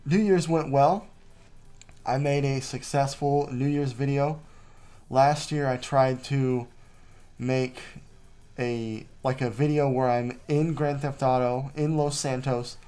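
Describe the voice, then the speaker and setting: A man's voice: medium pitch, little pitch movement, a little slow, mellow, smooth. A man recorded too close to the mic, hosting a casual vlog voice-over in a rambling, jokey way. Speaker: vlog host.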